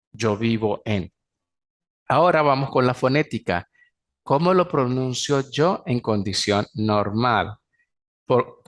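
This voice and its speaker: A man with a Venezuelan Spanish accent teaching an English class, slowly explaining and drawing out example phrases. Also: medium pitch. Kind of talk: recorded class lecture.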